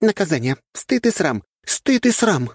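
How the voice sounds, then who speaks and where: Man voicing teasing younger sister: high, snaky, gloating. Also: very animated, a little slow, slightly rough, no echo, studio quality, heavily acted. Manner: snaky, gloating sing-song. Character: sly, mischievous young woman, teasing sister.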